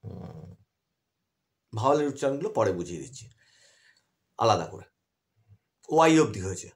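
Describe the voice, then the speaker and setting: Male tutor, animated pitch, patient explainer, asks students questions. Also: normal speed, creaky. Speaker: English grammar teacher. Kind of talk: explanatory online lesson.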